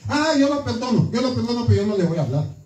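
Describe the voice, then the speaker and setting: A preacher voicing a church sister who grudgingly forgives but refuses to talk, curt and stubborn. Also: male voice, very high-pitched, sing-song, fast talker, a little mellow. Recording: echoey church from far off.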